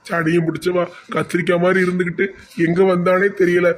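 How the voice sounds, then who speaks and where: A man's voice: high voice, flat delivery, brisk, slight background noise, lightly acted. A man voicing a scheming, boastful village man in a cartoon, with grumbling speech and a Tirunelveli Tamil accent. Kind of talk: cartoon voice acting.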